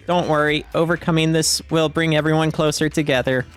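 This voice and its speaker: A woman voicing a stiff little robot, speaking in a flat, monotone robot voice while reading game dialogue aloud. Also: low voice, brisk, clean tone, faint music behind, close to an everyday voice. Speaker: streamer.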